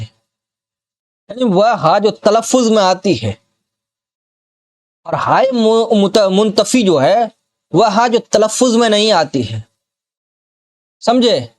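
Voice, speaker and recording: Man, Bihar accent, tutor: high voice, unhurried, drills word lists and checks the student is following. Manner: slow, repeats example words and keeps checking the student follows. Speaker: Urdu grammar teacher. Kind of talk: classroom grammar lesson.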